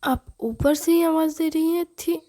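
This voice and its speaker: A woman's voice: extremely high pitch, steady tone, moderate pace, warm tone, no echo, studio quality, voice pushed up. A woman voicing a young new bride who asks polite, curious questions.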